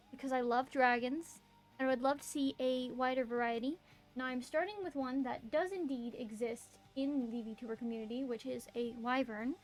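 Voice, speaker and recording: A woman with a cute, bubbly anime-streamer manner, chatting casually on a live stream. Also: sits high. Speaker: VTuber streamer and artist. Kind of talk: casual live stream chat while drawing. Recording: music behind the voice. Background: music.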